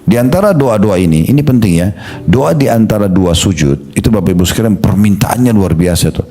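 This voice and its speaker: A middle-aged man preaching a religious study talk in a conversational way, slowly demonstrating prayer recitations with pauses. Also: lowish voice, lively intonation, warm tone, faint music behind.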